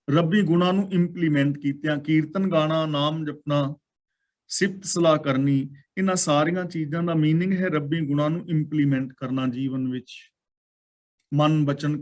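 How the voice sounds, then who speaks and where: A man explaining scripture. He recites each verse line slowly and drawn out, then explains it word by word. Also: fairly high pitch. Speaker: scripture teacher.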